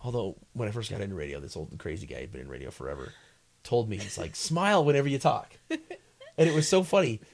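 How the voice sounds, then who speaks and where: A man's voice: low-pitched, sing-song, fast, creaky, a little mellow. A man who once worked in radio, chatting casually in a rambling, self-interrupting way. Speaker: former radio DJ. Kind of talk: casual chat.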